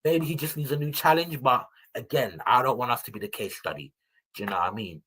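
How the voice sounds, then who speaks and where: A man's voice: medium pitch, quick pace, husky, low-quality recording. A young man, a football podcast regular giving his opinions in casual, slangy banter. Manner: animated slangy banter, addressing listeners as people. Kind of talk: casual fan chat.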